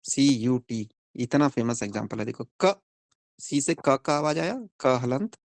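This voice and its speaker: A man's voice: mid-range voice, expressive, unhurried, no room sound, studio quality. A young man teaching a phonics lesson in a classroom, explaining step by step and asking the class questions.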